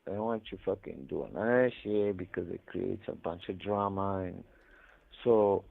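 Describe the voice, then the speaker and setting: Calling from prison on a muffled line, an incarcerated man with a lowish, gravelly voice shares his life story. He rambles casually, using lots of slang and profanity.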